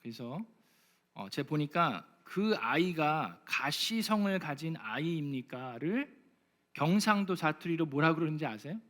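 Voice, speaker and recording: A man, a pastor from Gyeonggi in South Korea, reads scripture slowly and softly, then preaches a sermon in a church sanctuary with lively, joking asides. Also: fairly high pitch.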